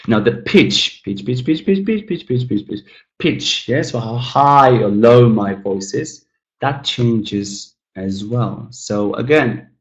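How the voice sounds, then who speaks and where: A man's voice: lowish voice, highs cut off. Man teaching pronunciation in an echoey room. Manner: demonstrates sounds by exaggerating stressed syllables and mumbling unstressed ones; explanatory, addresses viewers as guys. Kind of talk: recorded language lesson.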